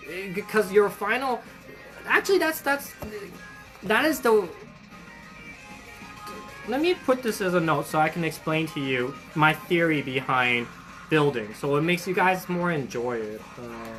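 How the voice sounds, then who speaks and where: The audio quality is poor, with faint music behind a young adult hosting a hobby shop livestream in a slightly bright, mid-range voice with lively intonation and a measured pace. Friendly and effusive, they greet viewers by name and read comments in a casual, upbeat style with many fillers and restarts.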